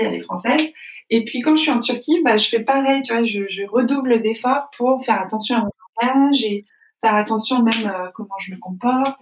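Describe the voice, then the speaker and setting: Woman interview guest, halting and thoughtful, echoey room, set back from the mic. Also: a little high, recorded from a distance. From France. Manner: hesitant, many fillers, reflective. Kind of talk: casual conversational interview.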